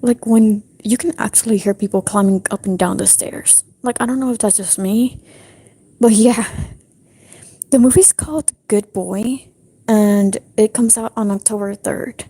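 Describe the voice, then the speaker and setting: A young woman livestreaming in a breathy whisper, rambling casually with lots of fillers from her apartment restroom. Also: mid-range voice, measured pace, dark tone. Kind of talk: whispered casual stream chat.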